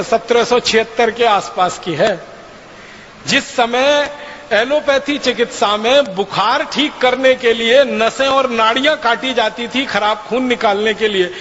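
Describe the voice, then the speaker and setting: Heard in a dull, lo-fi hall recording with faint background noise, a man delivers a public lecture. His voice is very high and fairly bright as he tells a story with emphasis and repeats phrases to drive it home.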